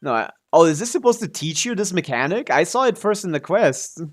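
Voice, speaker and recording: A man streams a video game and chats casually, thinking aloud in a hesitant way that trails off. His voice is high-pitched and very animated, and he talks a little fast.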